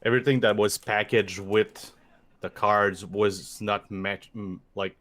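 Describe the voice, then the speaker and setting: Slow, low-voiced man chatting casually. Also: fairly even intonation, a bit bright. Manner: rambling, heavy use of "like"; reads out viewer donations. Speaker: podcast co-host. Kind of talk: casual chat.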